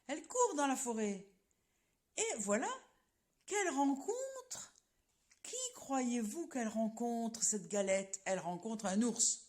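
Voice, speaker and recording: A woman telling a children's story in an expressive, playful way, sometimes asking the listener questions. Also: fairly high pitch.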